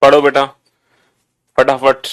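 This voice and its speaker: A man's voice: mid-range voice, monotone, slow pace, a bit bright. A man teaching a class, calling students "beta" and repeating instructions in a coaxing way. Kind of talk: classroom lecture drilling a memory trick.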